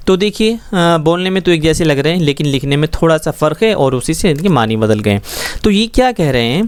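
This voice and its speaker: A man's voice: fairly high pitch, animated, smooth, no echo. A man teaching a schoolbook Urdu lesson, explaining words patiently and often checking that students follow. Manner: patient, explains slowly with frequent check-ins.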